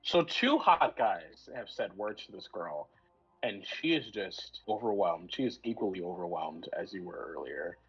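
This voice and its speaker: A man with a low, husky voice runs a tabletop role-play game. He talks in a loose, rambling way, full of fillers, and slips into quick voices for the characters. The recording sounds dull and lo-fi. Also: expressive, soft background music. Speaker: game master.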